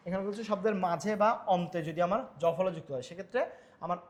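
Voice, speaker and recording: A man's voice: sits high, fast. A young man teaching a grammar lesson over slides, asking himself questions and repeating each rule. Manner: repetitive, quizzing himself with rhetorical questions. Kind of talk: exam-prep lecture over slides.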